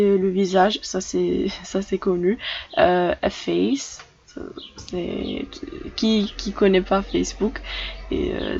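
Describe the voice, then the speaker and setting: A woman teaching English words in a relaxed, casual lesson, often stopping and starting over with small fillers. Her voice has a gravelly fry, and the recording sounds a little dull with faint noise in the background. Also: medium pitch. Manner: hesitant, many fillers and restarts. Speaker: English teacher for French speakers.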